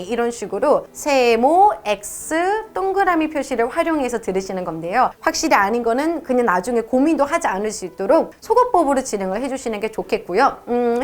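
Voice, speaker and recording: A woman teaching a test-prep lesson, speaking emphatically and slowing down to model pronunciations. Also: high-pitched. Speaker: TOEIC English instructor.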